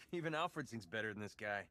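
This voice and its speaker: A wry young sidekick. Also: male voice, lowish voice, lively intonation, fairly quick, bright, forceful tone.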